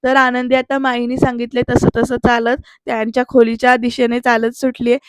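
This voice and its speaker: A woman walks viewers through a TV serial episode in a chatty, storytelling way, addressing them directly. Her voice is smooth and clear and sits fairly high. It sounds dry and close. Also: flat delivery, fairly quick, no echo. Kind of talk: chatty episode recap narration.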